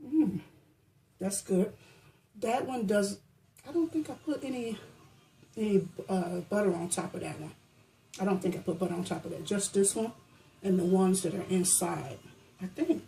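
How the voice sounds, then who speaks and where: Woman in her kitchen doing a taste test, mellow voice, lots of mm's, mouth full, casual chat. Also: mid-range voice, a little hiss or hum, low-quality recording. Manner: chatty, savoring food with frequent hums; talks with mouth full while tasting. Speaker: baking vlogger. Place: home kitchen.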